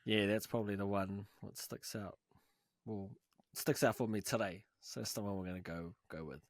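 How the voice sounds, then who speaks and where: A male podcast co-host talks in a low voice. He is laid-back and a little hesitant, filling gaps with "um" and "yeah." His easy, casual delivery keeps the chat relaxed. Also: normal speed, no room sound.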